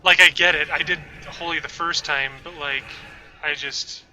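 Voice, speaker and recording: A young man livestreaming gameplay from his home room chats with viewers and rambles about what he's doing, using a desk microphone. His voice is on the high side and sharp, with fairly even intonation and a moderate pace. Faint music plays behind him on a rough recording.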